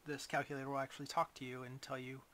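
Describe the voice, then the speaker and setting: A man giving a casual, unscripted product review as a reviewer, in a hesitant, rambling way with frequent pauses. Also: medium pitch, flat delivery, sharp tone, a little hiss or hum. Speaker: reviewer of gadgets.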